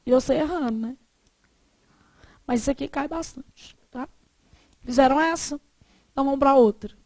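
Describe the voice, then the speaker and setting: A woman's voice: high-pitched, normal speed, a little mellow, dry recording. A Brazilian woman teaching a Portuguese class, putting questions to her students and answering them herself. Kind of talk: classroom lesson on exam questions.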